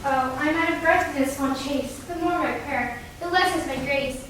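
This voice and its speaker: A woman's voice: high voice, moderate pace, fairly bright tone, slight background noise. A woman playing a desperate, lovelorn young woman, pleading in emotional stage verse. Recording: echoey hall from far off.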